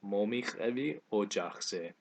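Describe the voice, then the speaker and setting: A man giving a relaxed video lesson, saying each phrase twice, slowly and clearly. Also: on the low side. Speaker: language teacher.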